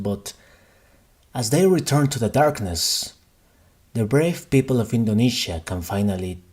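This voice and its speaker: A man playing a composed radio DJ in an audio drama, announcing songs and scripted news in a measured, solemn way. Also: lowish voice, darkish tone, breathy edge. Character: composed post-apocalyptic radio DJ reading news.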